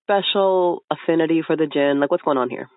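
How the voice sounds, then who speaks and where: A woman's voice: low voice, fairly quick, dry recording. A woman hosting a podcast, asking questions in a curious, enthusiastic, casual interview manner. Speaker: podcast host. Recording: tinny phone-like line, dry.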